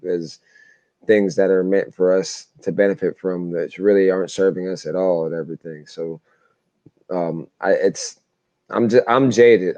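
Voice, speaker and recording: Blunt low-voiced man, dry dull sound. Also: dark tone, no echo. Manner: blunt, swears freely, emphatic. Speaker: podcast co-host. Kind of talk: casual chat.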